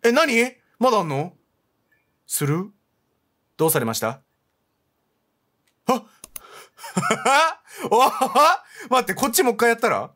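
A man doing let's play commentary. He is loud and excitable, with a lively voice that swings up and down. His pitch sits a little high for a man. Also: moderate pace, long pauses. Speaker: game streamer.

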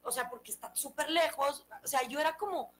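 A woman in her thirties from Guatemala with a Guatemalan Spanish accent, a guest in an interview, telling her family story in a lively way and acting out the dialogue. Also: high voice, brisk, slight background noise, rough recording. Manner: animated storyteller, acts out quoted dialogue. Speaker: guest, political scientist. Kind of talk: conversational interview.

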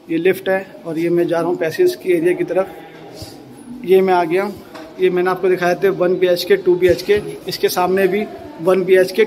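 A property vlogger in his thirties strolls through a new apartment building, casually pointing things out while filming on a handheld phone held at arm's length. His voice is high with a darkish tone, and the rough recording has a little hiss or hum.

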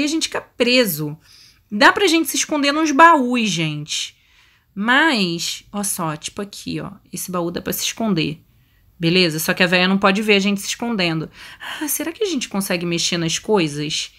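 A woman's voice: lowish voice, a bit bright. A Brazilian woman hosting a horror game let's play, chatting to viewers and crying out when scared. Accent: Brazilian Portuguese. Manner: chatty, shrieks and pleads when startled. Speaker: gaming channel host.

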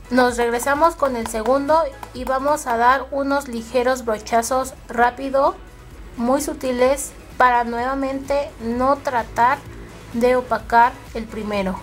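A woman with a Mexican accent hosting a makeup tutorial, talking chattily to her viewers step by step. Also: on the high side. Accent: Mexican Spanish. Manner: chatty, addresses viewers as girls.

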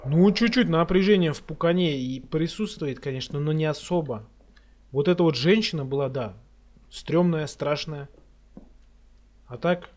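A man's voice: a little high, a little mellow. Nervy, sweary man streaming a horror game. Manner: nervy, jumpy, muttering reactions to scares. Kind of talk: casual horror game playthrough commentary.

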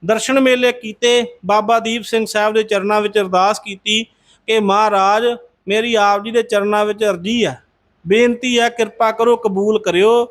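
Very high-voiced man telling a devotional story. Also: fairly even intonation, moderate pace, fairly bright tone. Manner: addresses listeners respectfully as a congregation, conversational retelling. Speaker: Sikh religious storyteller.

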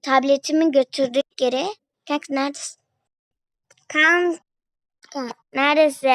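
A woman's voice: sits high, steady tone, unhurried, a bit bright, dry recording, poor audio. A young woman giving casual commentary on a phone game, chatting to her viewers and a friend as she plays. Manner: chatty, talks to viewers and a friend while playing. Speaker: gaming video creator.

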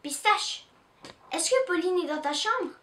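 An anxious, urgent father, read by a woman in a storybook. The voice stays high and bright, with a roomy echo around it. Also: animated, a little slow, slight background noise, exaggerated voice. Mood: worried. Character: worried father searching for his daughter. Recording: roomy echo, distant mic.

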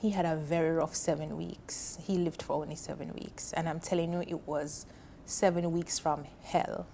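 A Jamaican-accented woman in her thirties, appearing as a guest on a TV panel, tells a personal story with earnest emotion and lively hand gestures. Her voice is low and gravelly at a normal speed. She sits on a sofa in an indoor studio, recorded on a lapel mic with a slight hiss or hum.

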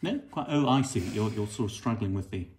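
A middle-aged man chatting gently and encouragingly as he draws together with his daughter. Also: on the low side, animated, brisk, slight background noise. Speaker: artist and co-host. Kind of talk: casual chat while drawing.

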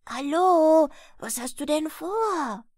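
A woman's voice: high-pitched, very animated, measured pace, dry recording, studio quality, voice pushed up, heavily acted. A woman voicing a cheeky, bold young village lad in a bedtime audiobook, speaking in a pert, raised, eager voice.

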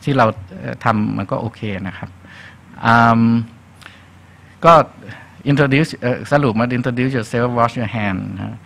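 Middle-aged Thai-accented male physician, gravelly, easygoing lecture delivery with many pauses and fillers. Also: medium pitch. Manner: relaxed, frequent hesitations, mixes in English medical terms. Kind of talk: casual faculty lecture.

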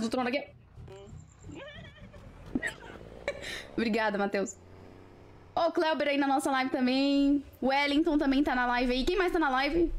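A Brazilian woman hosting a live stream, chatting casually with viewers in a playful, teasing way. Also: high-pitched. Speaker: livestream host.

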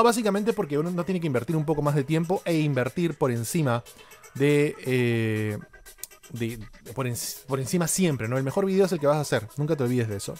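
Man, Peruvian Spanish accent, tech live-stream host, slightly high voice, animated asides to viewers, close desk mic. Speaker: tech YouTuber and journalist hosting a live Q&A. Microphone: desk studio microphone.

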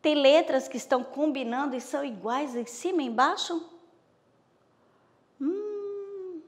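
A woman primary school teacher with a Bahian accent, giving a slow, patient recorded lesson and checking in with her pupils often. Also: high-pitched, in a large hall. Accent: Bahian Brazilian Portuguese.

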